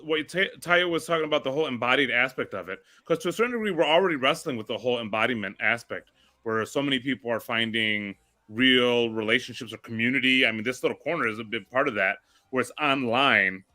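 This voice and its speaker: A man with a bright, sharp tone talks over a casual group chat. He muses reflectively and keeps turning things into probing questions. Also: mid-range voice, quick pace.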